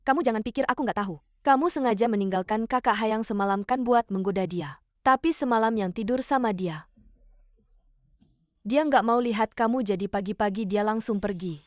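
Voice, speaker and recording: A young actress dubbing a spiteful, gloating half-sister in a short drama, taunting and scornful. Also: female voice, on the high side, brisk, no room sound, muffled recording, lightly acted. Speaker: dub actress.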